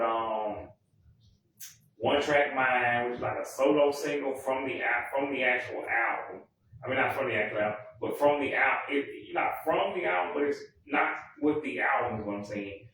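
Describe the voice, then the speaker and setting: A man rambling in a casual monologue, often correcting himself and filling pauses. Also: mid-range voice, fairly bright tone, a little hiss or hum. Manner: rambling, self-correcting, many fillers. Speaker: music vlogger. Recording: echoey room, mic far off.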